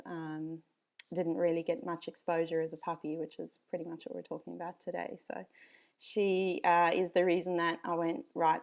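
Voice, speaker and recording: A woman with a South African accent and a lowish, creaky, darkish voice appears as a podcast guest. She's a dog breeder, chatting casually with frequent ums and easy laughter.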